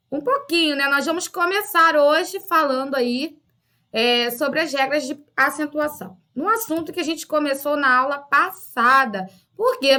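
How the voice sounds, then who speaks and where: A primary school teacher with a Brazilian Portuguese accent leads a video lesson for young children, chatting away and constantly checking in with little tag questions. Her high voice is bright and forceful.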